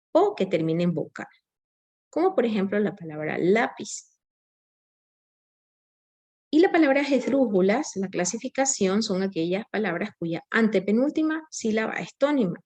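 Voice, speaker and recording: A woman's voice: mid-range voice, darkish tone. A woman giving a recorded grammar lecture, explaining step by step with frequent tag questions and small self-corrections. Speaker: teacher.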